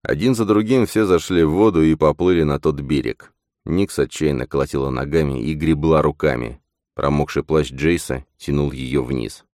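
Man, audiobook narrator, extremely deep voice, dry close sound, steady reading. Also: normal speed, no echo. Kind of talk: scripted narration.

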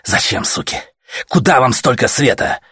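A man voicing an enraged, worn-out young man who shouts and swears in a husky voice. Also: mid-range voice, expressive, fairly quick, no room sound, studio quality, voice pushed up, exaggerated voice. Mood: furious.

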